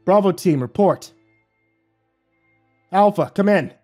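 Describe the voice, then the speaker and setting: A man's voice: a little high, expressive, fast, a little mellow, faint music behind, pitched above the performer's own voice. Man voicing a squad captain for a horror audiobook, urgent, barks his orders. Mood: desperate. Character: desperate commanding male squad captain.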